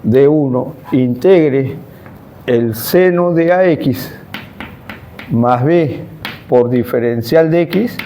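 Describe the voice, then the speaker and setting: Slow-dictating male math lecturer. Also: mid-range voice, dark tone, slight background noise. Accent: Peruvian Spanish. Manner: slow, deliberate dictation of formulas, frequent tag questions. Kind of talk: classroom lecture.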